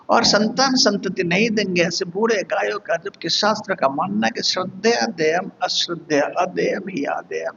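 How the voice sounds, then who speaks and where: A man gives a devotional discourse on scripture, his voice high and gravelly. He moves between storytelling and chanted verses. The recording is dull and lo-fi. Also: fairly bright tone. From India. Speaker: monk giving a scripture discourse.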